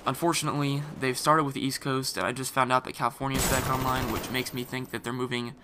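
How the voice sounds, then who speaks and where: A man with a scratchy, irritated throat narrates a game in a loose, rambling voice-over full of fillers and restarts. He talks fast in a level, mid-range voice, with loud game gunfire and explosions mixed underneath.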